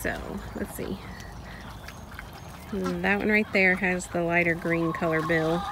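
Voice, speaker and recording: A woman casually narrating a farm vlog from an outdoor poultry pen, talking slowly with many pauses and restarts. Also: fairly low pitch, fairly even intonation. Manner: slow, unhurried, with many ums and restarts. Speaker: farm vlogger. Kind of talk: casual narration while filming. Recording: outdoor phone audio with clear farm noise. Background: ducks quacking and chickens.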